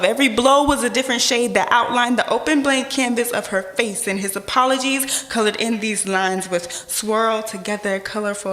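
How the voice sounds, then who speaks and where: A woman performing spoken word poetry in a dramatic, rhythmic delivery with deliberate pauses and swells. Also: a little high, fairly bright tone. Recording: echoey hall with long reverb.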